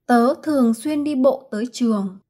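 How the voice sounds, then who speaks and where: Mellow, husky woman reading translations. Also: fairly high pitch, normal speed. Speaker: Vietnamese translation reader.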